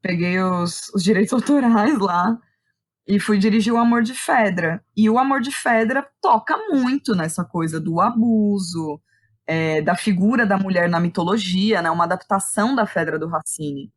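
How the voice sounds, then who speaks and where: In a reflective, conversational interview, a woman guest who writes and directs plays thinks aloud in a Brazilian accent, often tacking on short tag questions. She speaks at medium pitch and a moderate pace.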